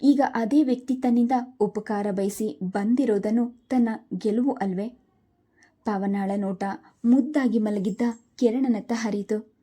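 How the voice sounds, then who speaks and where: Dark-toned woman reading a story. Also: a little high, a little slow, breathy edge. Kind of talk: reading a family story aloud.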